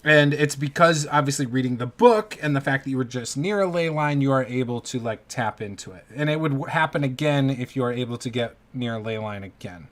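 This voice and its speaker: A man improvising narration as the game master of a tabletop game, halting and informal as he searches for words. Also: medium pitch, fairly bright tone.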